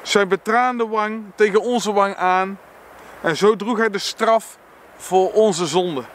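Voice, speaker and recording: A man with a Dutch accent reads a book passage aloud and reflects on it, slow and earnest, stumbling now and then and correcting himself. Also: high-pitched, a bit bright, slight background noise.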